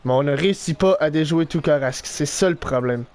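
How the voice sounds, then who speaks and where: A young man with a Québécois French accent calls his hockey video game as he plays it. He talks in a high register and veers between frustrated groans and excited outbursts. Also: brisk. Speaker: gaming YouTuber. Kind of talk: live gameplay commentary.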